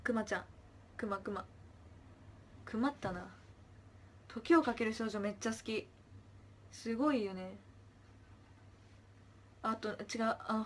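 A young woman with a slightly high voice chats casually on a livestream and reads out viewer comments. She chirps her thanks brightly, then lets her phrases trail off into soft, quiet murmurs. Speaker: idol livestreamer.

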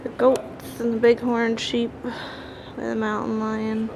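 A young woman with a fairly high voice and some vocal fry casually narrates a walking tour of an indoor museum at a measured pace. As a video tour host, she stays relaxed and points out exhibits while she walks. The noisy audio comes from a handheld camera mic.

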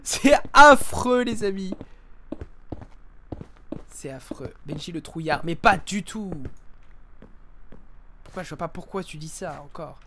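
A young man commentating a live game stream, joking and bursting into yells. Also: a little high, unhurried, long pauses, a little hiss or hum. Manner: jokey, excitable, yells in sudden bursts. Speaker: gaming streamer.

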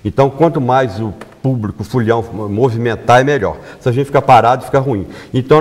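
Sixties male, lively interview guest, self-correcting, lapel mic in a reverberant studio. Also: medium pitch. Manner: animated, repeats himself, self-corrects. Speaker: carnival band organizer, guest.

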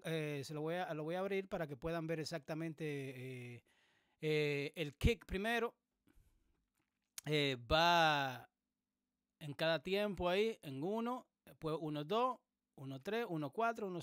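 A man hosting a music production tutorial, explaining things casually with many pauses and fillers. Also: on the high side, clean tone, no echo, studio quality. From Dominican Republic. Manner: relaxed, explanatory, many hesitations. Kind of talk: casual screen-recorded tutorial. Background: beat playing in the background.

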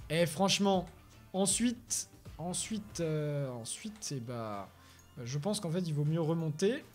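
A man giving chatty, excitable Let's Play commentary, talking to himself as he plays and using an odd put-on accent. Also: fairly high pitch. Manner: excitable, chatty, talks to himself while playing. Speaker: gaming YouTuber.

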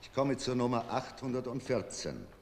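An actor playing a middle-aged auctioneer, calling out bids in measured, formal phrases in a TV drama. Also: male voice, mid-range voice, very animated, a little mellow. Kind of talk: screen drama acting. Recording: faint background noise, old TV soundtrack.

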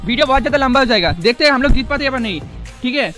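Young male gaming streamer, very high pitch, hyper and repetitive, soft music underneath. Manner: excitable, repeats words rapidly. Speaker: gaming YouTuber. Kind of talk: casual gameplay commentary.

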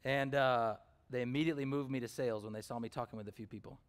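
A man's voice: mid-range voice, fairly even intonation, fast. Guy pastor preaching, chatty storytelling, lots of um and you know, asks the crowd stuff. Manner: conversational, uses fillers and asks the congregation questions. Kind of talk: sermon with personal storytelling.

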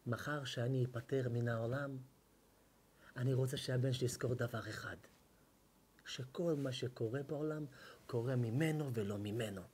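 A man, a rabbi telling a sermon story and acting out its dialogue, swinging between hushed lines and loud bursts. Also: medium pitch, noisy background. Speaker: rabbi giving a Torah lesson. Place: hall at an evening lecture.

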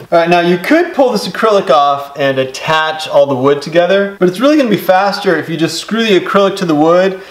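A middle-aged man giving relaxed, step-by-step how-to instructions while building in his home workshop. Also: high voice. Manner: relaxed, step-by-step explaining with casual fillers. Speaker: DIY builder. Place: home woodworking garage workshop. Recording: echoey workshop with clear background noise.

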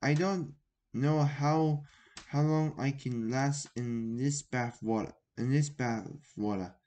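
A man's voice: mid-range voice, slow pace, warm tone, close to an everyday voice. A lovestruck young mermaid speaks sweetly and a little impatiently, as a man reads her lines aloud. She is voiced plainly, like a storybook read at home, with the odd stumble over words.

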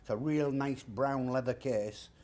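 A man's voice: mid-range voice, measured pace, darkish tone. Chatty man in his fifties. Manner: chatty, plain-spoken, explains prices step by step. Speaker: warehouse shop owner. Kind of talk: interview and object demonstration. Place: large indoor secondhand furniture warehouse.

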